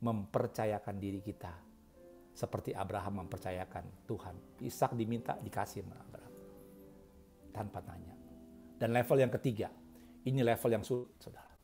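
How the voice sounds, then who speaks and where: A man's voice: lowish voice, normal speed, gravelly, long pauses, dark tone, soft background music. A man preaching a sermon as pastor, in a casual, conversational way, often putting questions to the congregation.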